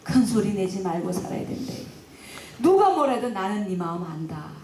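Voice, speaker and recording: A woman voicing a frail, dying old mother who speaks slowly and pleads tenderly, heard in a roomy space. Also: mid-range voice, big pitch swings, mellow, a little hiss or hum, close to an everyday voice. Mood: tender, apologetic. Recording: roomy and distant.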